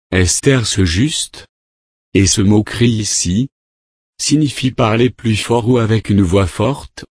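A man preaching a sermon in a slow, measured way with long pauses. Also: lowish voice, darkish tone, no echo, clean studio sound.

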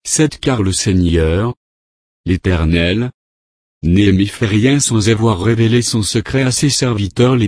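A man's voice: fairly low pitch, darkish tone, no echo, studio quality. A man preaching a sermon, explaining scripture verse by verse and asking rhetorical questions.

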